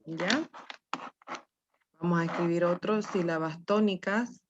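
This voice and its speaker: A woman teacher guides students through a grammar lesson slowly and deliberately, patiently coaxing answers and checking in with phrases like "¿no?" and "mi amor". Her voice is fairly low-pitched. The recording is dull and lo-fi with background noise.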